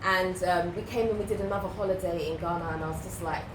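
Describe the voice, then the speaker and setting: A woman's voice: on the low side, fairly even intonation, fast. Chatty British woman in a roomy space. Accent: British English. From United Kingdom. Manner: chatty and candid, acts out what others said. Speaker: guest, YouTuber. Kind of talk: casual interview chat. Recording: roomy with clear background noise.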